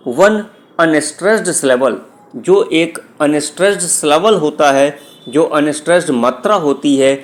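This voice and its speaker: A man teaching poetry, reading each English phrase slowly and then explaining it in Hindi, with an Indian English accent. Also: a little high. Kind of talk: slow bilingual lecture.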